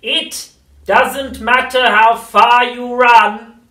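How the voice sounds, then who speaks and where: A reader voicing a nasty, witchlike old grandmother in a storybook reading, slow and loud with drawn-out gloating words, recorded in a roomy space away from the mic. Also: medium pitch, flat delivery, recorded from a distance, voice pushed up. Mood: menacing.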